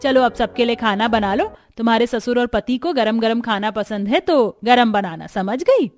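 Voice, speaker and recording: A strict middle-aged mother-in-law in a cartoon story who scolds her daughter-in-law, as a woman voices her. Her voice sits a little high and commanding. Soft music runs behind. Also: lively intonation, normal speed, dry recording, lightly acted. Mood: scolding.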